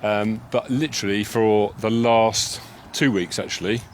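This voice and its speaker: A man's voice: on the low side, fairly even intonation, measured pace, slight background noise. A man co-hosting a podcast while walking outdoors, a chatty upbeat storyteller. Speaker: podcast co-host. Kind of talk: casual walking conversation. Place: outdoors on a walk.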